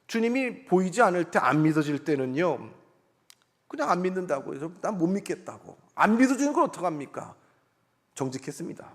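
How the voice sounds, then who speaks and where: A man's voice: sits high, very animated, brisk. A male pastor preaching a sermon in an earnest, conversational way, voicing people's inner thoughts as he goes. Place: church sanctuary. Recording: long church hall reverb.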